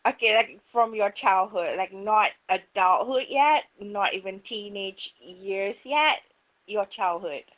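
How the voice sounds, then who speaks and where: A woman's voice: mid-range voice, animated, slow, a bit bright, highs cut off. A woman interviewing a guest on a podcast, asking hesitant questions full of fillers.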